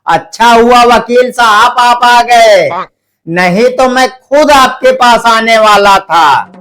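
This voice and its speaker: A man voicing a sly male schoolteacher who outwits a lawyer, calm and sweetly mocking, in a told joke. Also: very high-pitched, slow, heavily acted. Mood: smug.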